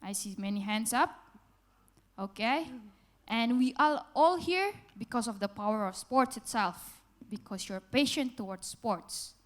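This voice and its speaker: A woman's voice: a little high, animated, a little slow. A young woman from Indonesia, an English speaker, tells a personal story on stage to a festival audience in simple, earnest phrasing. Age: young adult. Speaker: youth panel speaker. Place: large hall at a festival, on stage.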